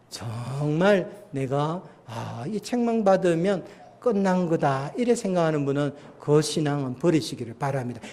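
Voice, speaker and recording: A man's voice: sits high, warm tone. A middle-aged male pastor preaching a sermon, asking rhetorical questions and acting out quoted lines.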